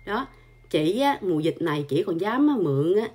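A woman's voice: on the low side, big pitch swings, normal speed, a little mellow, husky. A woman, hosting her channel with an angry, scolding monologue full of insults and filler particles. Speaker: channel host.

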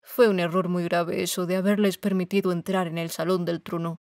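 A woman's voice: fairly low pitch, level tone, fairly quick, darkish tone, no room sound, studio quality, close to an everyday voice. A woman voicing a timid aging little man who poses as a great wizard, speaking meekly and shakily in an audiobook. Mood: humble. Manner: shaky, meek.

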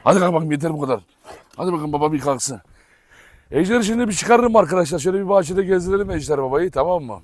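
A man filming a casual vlog outdoors in a yard, talking fondly to his dogs and explaining to viewers, with sharp commands now and then. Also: fairly high pitch, animated, quick pace, no echo. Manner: affectionate baby talk to dogs, sharp commands. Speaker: dog breeder vlogger. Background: dogs barking.

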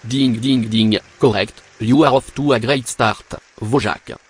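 A man's voice: mid-range voice, steady tone, measured pace, slightly rough. A man voicing a pompous, mocking cartoon game show host, saying "ding" like a quiz bell to call answers correct. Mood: mock congratulating. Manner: imitates a quiz bell with spoken "ding ding ding" before announcing correct.

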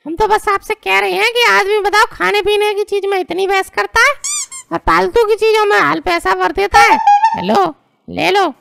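Casting: woman as sarcastic male grocer for cartoon comedy, extremely high-pitched, irritable, noisy track. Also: moderate pace, fairly bright tone, exaggerated voice. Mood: sneering. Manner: sneering, gruff, sarcastic. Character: grumpy, sarcastic male vegetable shopkeeper.

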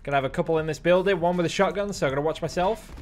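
A young man streaming, giving excitable running commentary on his gameplay from a close mic. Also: a little high, very fast, soft background music. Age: young adult. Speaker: gaming streamer.

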